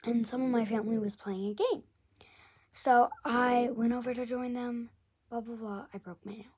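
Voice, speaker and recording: A woman's voice: on the high side, fairly even intonation, moderate pace, a little mellow. A young woman telling a casual storytime tale in a rambling way, full of fillers and often half-whispered.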